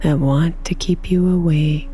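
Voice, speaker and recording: A woman guiding a sleep meditation in a soft, slow, soothing whisper. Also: low-pitched, fairly even intonation, faint music behind.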